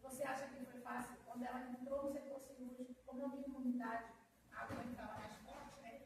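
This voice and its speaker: High-voiced Brazilian woman preaching in an echoey hall. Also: little pitch movement, fairly quick, noisy background. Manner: emotional, addresses listeners as brother and sister. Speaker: missionary preacher. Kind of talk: testimony sermon. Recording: very echoey, mic far off.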